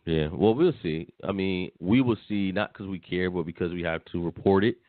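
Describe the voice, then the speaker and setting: A man's voice: deep voice, normal speed, dry recording. A man co-hosting a podcast, talking bluntly and dismissively in casual chat, often repeating himself. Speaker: podcast co-host. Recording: tinny phone line, dry.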